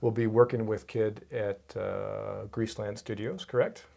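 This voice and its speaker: Middle-aged man with a gravelly voice. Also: lowish voice, a little slow. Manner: friendly, steady questioning. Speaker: interview host. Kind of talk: casual interview. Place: home music studio, indoors.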